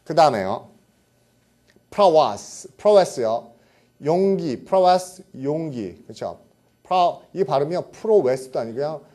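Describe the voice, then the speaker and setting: Animated man teaching vocabulary, mellow tone. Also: a little high, extremely slow, long pauses. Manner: animated, repeats words and checks with "그쵸?". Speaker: English vocabulary lecturer. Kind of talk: classroom lecture.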